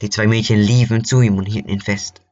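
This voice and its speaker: A man's voice: fairly low pitch, steady tone, brisk, darkish tone, dull audio. A man narrating a fairy tale in a plain, conversational storytelling style.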